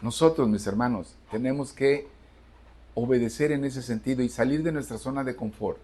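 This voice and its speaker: A man's voice: medium pitch, normal speed, mellow, breathy edge. A man from Cuba, a pastor preaching a sermon to his congregation and stressing points through repetition. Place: church service.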